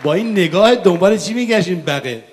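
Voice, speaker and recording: A man's voice: high voice, lively intonation, crowd noise. A man hosting a comedy sketch on stage, playing the exasperated straight man. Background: live audience.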